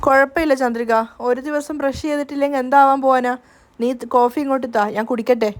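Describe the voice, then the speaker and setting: A woman reading out a steady, gentle young man in a spoken story recap. The voice stays high and light and speaks softly to comfort someone. It keeps an even, reassuring manner. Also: fast talker, lightly acted.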